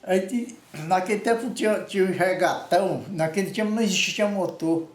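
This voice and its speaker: A man's voice: high voice, normal speed. An older man with an Amazonian Brazilian accent tells stories informally, rambling and repeating words, often tagging phrases with a short question. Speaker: storyteller. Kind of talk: informal oral storytelling. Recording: echoey room.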